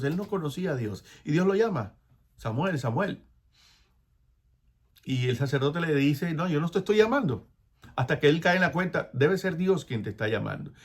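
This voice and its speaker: A man preaching a sermon, acting out biblical dialogue with soft, prayerful asides and breaking into laughs between phrases. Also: mid-range voice.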